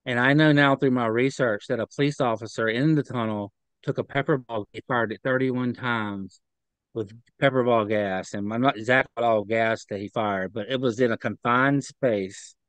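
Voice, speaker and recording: Man, interview guest, video call, earnest, halting, smooth, dry. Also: mid-range voice, fairly even intonation, a bit bright, no room sound, poor audio. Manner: earnest, halting, repeats words when upset. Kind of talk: remote interview testimony.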